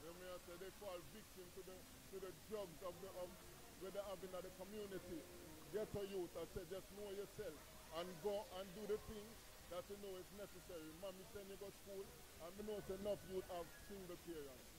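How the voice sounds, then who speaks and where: A middle-aged man from Trinidad and Tobago speaks in a Caribbean patois accent, fairly high-pitched for a man. He talks earnestly and a bit preachily, often tagging on "you know what I mean," into a handheld mic held close. The interview takes place inside a music lounge. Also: fairly even intonation, a little fast, rough recording. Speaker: reggae artist guest. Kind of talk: interview at a venue.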